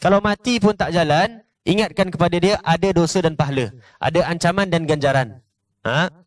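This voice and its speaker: A man's voice: a little high, normal speed. A male religious teacher with a Malaysian Malay accent, giving an online lesson on a classical text, reading passages and explaining them with frequent rhetorical checks. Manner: lively, peppers talk with rhetorical "ha?" checks; reads passages then explains them conversationally.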